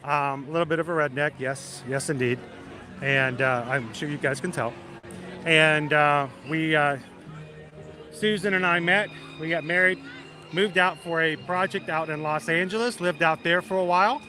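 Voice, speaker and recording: A middle-aged man from South Georgia with a deep Southern accent, chatting casually and folksily as he hosts a livestream. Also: fairly even intonation, normal speed, sharp tone, soft background music. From South Georgia, United States. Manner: chatty, folksy, greets viewers by name. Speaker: livestream host. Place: outdoors in a busy theme park.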